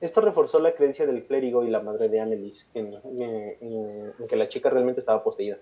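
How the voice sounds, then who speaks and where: Speaking a bit fast in a dark, mid-range voice, this man co-hosts a podcast and has a Mexican accent. He moves between reading lengthy scripted segments and chatting loosely in slang, all on dull, lo-fi audio.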